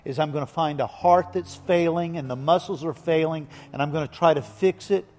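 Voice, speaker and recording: A man voicing a stern male surgeon who explains things in a quick, firm way. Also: on the high side, a little mellow, close to an everyday voice. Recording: echoey hall with faint music.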